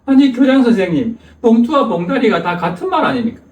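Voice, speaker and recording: An exasperated husband, played by a male pastor, his voice pushed up high as he asks the same question over and over in disbelief. The recording is distant and echoes around a large church hall. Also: expressive, a little fast, darkish tone. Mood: incredulous. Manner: incredulous, keeps asking the same question. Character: exasperated middle-aged husband questioning a neighbor.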